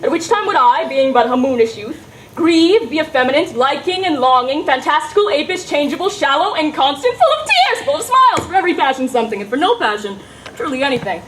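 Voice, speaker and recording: A woman's voice: sits high, big pitch swings, brisk, fairly bright tone, a little hiss or hum, poor audio. A woman playing a witty, teasing young woman disguised as a saucy youth, in theatrical, hammy Shakespearean stage comedy style. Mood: witty, exuberant.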